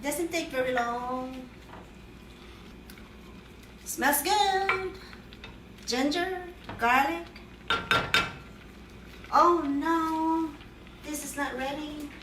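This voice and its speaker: In her home kitchen, a middle-aged woman chats playfully while cooking, narrating each step of her casual vlog with cheery exclamations. Her high voice moves extremely slowly with frequent pauses. The mic sits far off in an echoey room, and there's heavy background noise.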